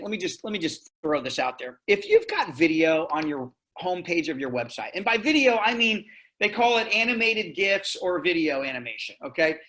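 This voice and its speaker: A man presenting a sales webinar, talking in a direct, energetic and persuasive way. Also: a little high. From Florida, US.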